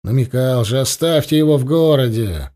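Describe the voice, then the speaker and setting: A man voicing Tugan, a stern, threatening village man who shouts and mocks. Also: mid-range voice, animated, normal speed, close to an everyday voice. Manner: loud, mocking, threatening.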